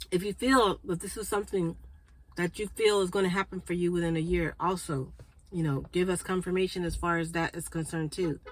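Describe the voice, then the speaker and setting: A woman hosting a spiritual card reading for her viewers, chatty and congested, clearing her throat and often checking in with "okay?". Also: lowish voice, fairly even intonation, brisk, low-quality recording. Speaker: spiritual card reader and channel host.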